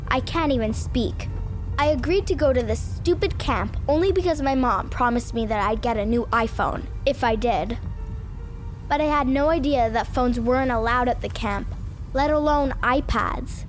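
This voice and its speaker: A woman's voice: sits high, normal speed, soft background music, close to an everyday voice. A woman playing a sulky, dramatic girl who narrates her own audio drama story in an indignant, whiny, exasperated way. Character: sulky, dramatic homeschooled girl, phone-obsessed camper.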